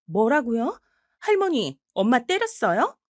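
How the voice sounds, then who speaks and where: A woman's voice: fairly high pitch, very animated, moderate pace, no room sound, studio quality, pitched above the performer's own voice. A woman voicing a bold, outspoken teenage granddaughter who argues sharply and indignantly. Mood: shocked.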